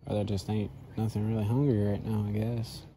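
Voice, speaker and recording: Recording on a head-mounted camera, a young adult fishing vlogger chats loosely with lots of fillers while fishing from a backyard dock by a canal outdoors, rambling and laid-back. His fairly low, mellow voice has little pitch movement and a fairly quick pace, and there's slight background noise.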